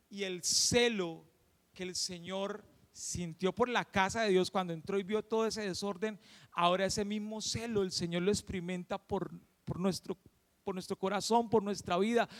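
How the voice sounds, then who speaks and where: A man's voice: high-pitched, big-room sound. A man preaching a sermon, emphatic and full of rhetorical questions.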